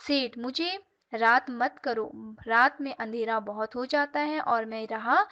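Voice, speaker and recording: A woman's voice: fairly high pitch, takes it slowly, pushed and bright. A woman voicing an innocent young female bird who pleads earnestly, heard on a dull lo-fi recording. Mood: anxious.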